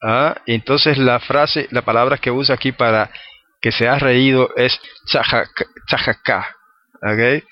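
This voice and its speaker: A man's voice: mid-range voice, fairly even intonation, dry recording. Man teaching a Bible study. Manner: checks in with listeners through tag questions; spells out Hebrew words slowly and with care. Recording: dull, dry recording.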